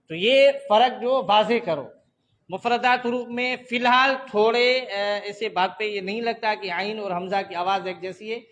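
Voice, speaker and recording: A man teaching a lesson on Quran letter sounds, calmly explaining and demonstrating letters in loud, drawn-out repetitions. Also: sits high.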